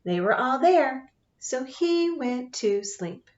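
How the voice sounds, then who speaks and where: A woman teacher reading a picture book aloud to children, expressive and often asking them questions. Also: high-pitched, takes it slowly, roomy sound. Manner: expressive, asks listeners questions. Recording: dull lo-fi sound.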